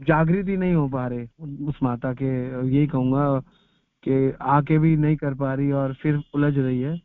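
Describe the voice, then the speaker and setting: A man's voice: mid-range voice, fairly even intonation, unhurried, smooth, no echo. A man giving spiritual advice in answer to a devotee's question, repeating his points for emphasis. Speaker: spiritual counselor. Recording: tinny dry phone line.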